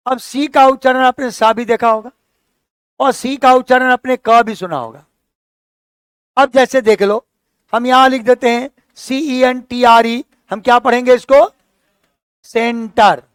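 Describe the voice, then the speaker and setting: A man's voice: extremely high pitch, clear, resonant tone, no echo. A male teacher giving a classroom lecture, explaining things step by step and asking his students questions as he goes.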